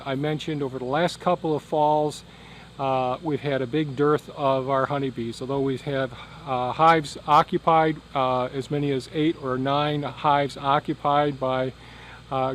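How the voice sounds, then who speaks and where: A man with a slightly high voice talks casually to his viewers outdoors. He explains things in a halting, unscripted way. A tractor rumbles faintly behind him, along with the sound of insects. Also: fairly even intonation, a little hiss or hum. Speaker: gardening and beekeeping video host. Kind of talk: casual outdoor vlog talk. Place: outdoors on a rural property by a hive hut.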